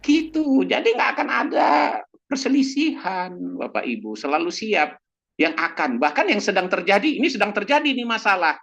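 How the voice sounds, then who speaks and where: A male pastor delivers a lively sermon, his voice leaping up and down as he acts out small exchanges with humor. The recording sounds dull and lo-fi. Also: high voice, moderate pace. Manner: animated, acts out little dialogues with humor.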